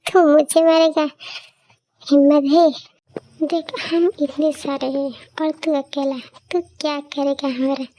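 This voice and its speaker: A woman voicing a cocky male gang thug who taunts slowly in a fan audio story. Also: high-pitched, steady tone, warm tone. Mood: taunting.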